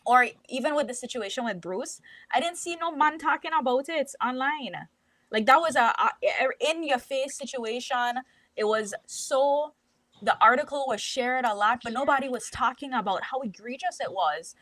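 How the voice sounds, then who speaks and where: Lady on a podcast, bright voice, dry close sound, really earnest and opinionated. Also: high-pitched, lively intonation, moderate pace, no room sound. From Caribbean. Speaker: podcast co-host. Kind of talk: casual podcast discussion.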